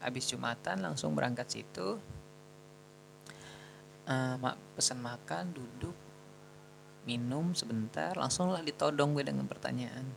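A man's voice: mid-range voice, a little slow, vocal fry, pauses often, background noise. A young man casually telling a personal story in a chatty, slangy, self-mocking way. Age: young adult.

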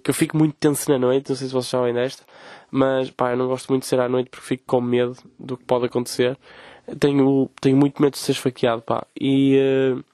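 A man's voice: medium pitch, level tone, fast, warm tone, no room sound. A young man from Portugal with a European Portuguese accent, hosting a podcast as a casual comedic rant, swearing often and mimicking people in quoted voices. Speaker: podcast host.

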